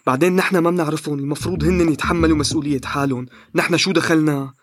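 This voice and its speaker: An actor playing a cautious, self-serving villager in a radio drama, evasive and defensive in Levantine Arabic. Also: male voice, a little high, fairly even intonation, racing, no echo, clean studio sound, lightly acted. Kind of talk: audio drama acting.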